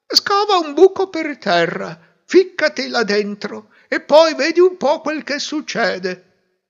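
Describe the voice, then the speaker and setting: A man's voice: very high voice, sing-song, slow, vocal fry, muffled recording, pitched above the performer's own voice, full character voice. A man voicing a very old male hermit giving firm advice in a fairy tale. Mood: advising. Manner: emphatic, instructing.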